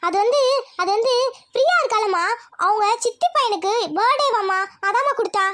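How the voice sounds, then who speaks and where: This is a nervous young cartoon daughter keeping a secret romance, voiced by a woman. She pleads and dodges, stammering often. The voice is very high and bright. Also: expressive, fairly quick. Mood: pleading.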